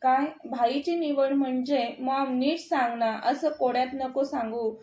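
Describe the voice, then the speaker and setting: A woman's voice: high-pitched, steady tone, measured pace, darkish tone, a little hiss or hum. A woman voicing a cheerful, eager young college student, in an echoey room. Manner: bubbly and eager.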